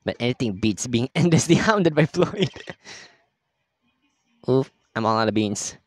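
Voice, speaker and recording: A man's voice: mid-range voice, expressive, measured pace, no echo, clean studio sound. A man streaming a story game, chatting through the playthrough, reacting aloud and laughing often. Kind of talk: casual game playthrough commentary.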